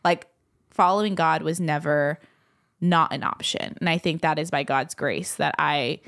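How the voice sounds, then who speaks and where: Chatty woman with a lowish voice. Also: measured pace, vocal fry, a bit bright. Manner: chatty, fills speech with "like". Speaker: podcast guest. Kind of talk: casual personal storytelling.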